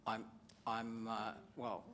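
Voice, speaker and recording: An Australian man, a councillor moving a motion at a formal meeting, speaking haltingly with many fillers and restarts. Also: lowish voice, monotone, bright, forceful tone, slight background noise.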